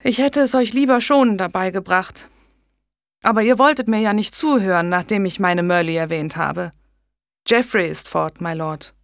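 A woman reading an audiobook, voicing a calm, polite young medieval nobleman with a steady, firm manner. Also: medium pitch, normal speed, dry recording, clean studio sound, natural voice.

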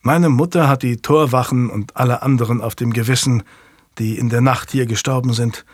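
A man's voice: medium pitch, steady tone, normal speed, no room sound, studio quality, natural voice. A man voicing a curt, guarded young male servant in a storybook.

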